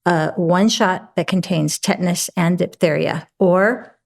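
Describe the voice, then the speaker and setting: A woman physician explains medical advice to a talk show audience. She goes step by step with measured clarity, pausing on a filler now and then. Her voice sits fairly low for a woman. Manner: clear and explanatory. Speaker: physician guest.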